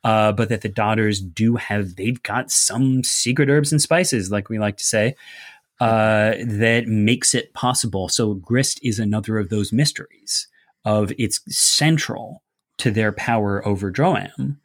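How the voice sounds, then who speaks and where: A game designer talks casually about a fantasy setting, explaining his ideas at length in a rambling way with many fillers. His voice is fairly low and unhurried, and the recording is dry.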